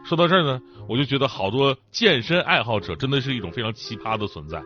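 A man's voice: medium pitch, expressive, quick pace, bright, forceful tone. A man hosting a comic monologue in a chatty, joking way, with thick, swollen-tongued speech from a sore mouth. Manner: chatty, joking, laughs as they talk. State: mouth ulcer. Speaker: stand-up talk show host. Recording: dull lo-fi sound, faint music behind.

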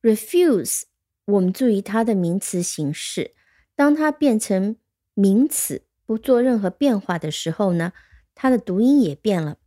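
A woman's voice: mid-range voice, lively intonation, measured pace, dark tone. A woman teaching English vocabulary, patiently explaining words and spelling them out letter by letter. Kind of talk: vocabulary lesson.

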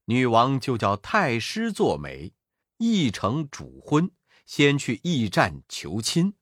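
Lively male children's storyteller. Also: mid-range voice, slow, no room sound, studio quality.

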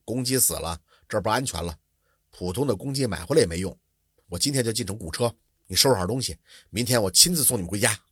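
A male storyteller voicing a stern, bitter middle-aged scholar who talks curtly and coldly, his voice dropped low. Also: huge pitch swings, quick pace, slightly rough, no room sound, clean studio sound, exaggerated voice. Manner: cold, curt, low-voiced.

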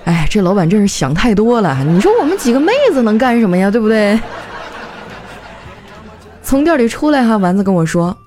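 A chatty young woman with a lively, mellow voice. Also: medium pitch, fairly quick, pauses often, faint music behind. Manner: chatty, laughing as she talks. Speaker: comedy podcast host. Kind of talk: comic storytelling monologue.

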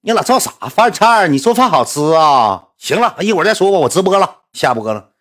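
A man's voice: on the low side, steady tone, normal speed, creaky, a bit bright. A man voicing a bossy young husband who scolds his wife. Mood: scolding. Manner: brash, scolding.

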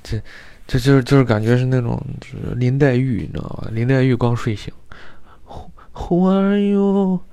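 A man's voice: mid-range voice, level tone, quick pace, mellow, dry recording. A man telling a story in a rambling, casual way, repeating words often. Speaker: vlogger.

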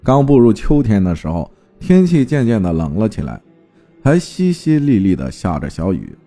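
A man narrating a folk ghost story in a lively, vivid storytelling manner. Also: fairly low pitch, normal speed, soft background music.

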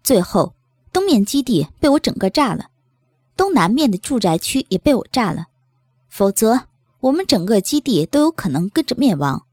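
Woman voicing a teasing base leader, high lively voice, breathy, sly, light. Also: moderate pace, no echo, clean studio sound. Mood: grave.

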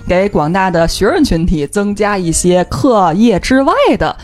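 A woman's voice: mid-range voice, animated, moderate pace, a little mellow, faint music behind. A woman from Tianjin chatting casually as a podcast co-host in a jokey, bantering way. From Tianjin, China. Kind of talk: casual chat.

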